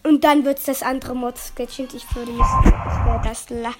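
A woman playing a video game with a friend, chatting casually and bursting into excited shouts. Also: fairly high pitch, moderate pace, rough recording. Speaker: gamer. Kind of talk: excited gaming commentary. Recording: game music behind.

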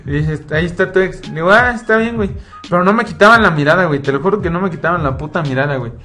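A man's voice: fairly high pitch, rapid-fire, pushed and bright, soft background music. A young adult man with a Mexican accent telling a long, profane, slang-filled story in casual chat. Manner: slangy, profane, says "güey" constantly.

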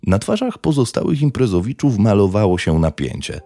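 A man narrating a true crime story in a measured, dramatic way. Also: on the low side, sing-song, dark tone, dry recording, studio quality.

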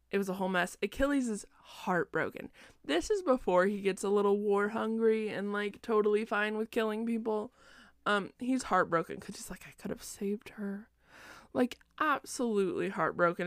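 A woman's voice: mid-range voice, no room sound, clean studio sound. A young woman casually retelling a story to her viewers, chatty and profane, acting out the characters' lines as she goes.

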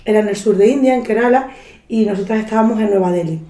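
This woman, appearing on a podcast, talks through travel stories at a quick pace, impersonating the people she quotes and dropping swear words freely. Her warm, mellow voice sits at medium pitch, picking up a roomy ring from the echoey room.

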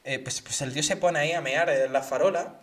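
A man's voice: a little high, a little fast. A man co-hosting a podcast, telling a story in casual chat and acting out the voices of the people in it. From Spain. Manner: animated, acts out quoted voices. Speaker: podcast co-host.

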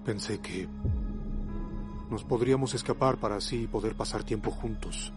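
An actor playing a tense boyfriend in a dubbed thriller film trailer. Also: male voice, lowish voice, moderate pace, lightly acted. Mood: earnest. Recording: trailer audio with music behind.

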